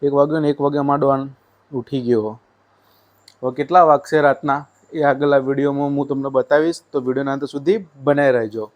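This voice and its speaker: A man's voice: mid-range voice, fairly even intonation, fairly quick, highs cut off. A young man chatting casually in a family vlog at home at night, coaxing his small child in between. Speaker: vlogger. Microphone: handheld mic.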